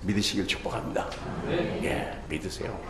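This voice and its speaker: A man preaching a sermon as pastor, swinging between loud exclamations and hushed asides, often asking the congregation questions. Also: on the low side, sing-song, normal speed, echoey room, crowd noise. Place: church sanctuary.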